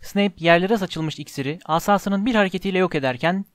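A man narrates a storybook in a calm, measured audiobook reading. His voice sits on the higher side for a man. The recording is dry and close, with no room sound around it. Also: no room sound.

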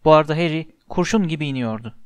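A man narrating an audiobook in an expressive, measured storytelling manner. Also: on the high side, clean tone, dry recording.

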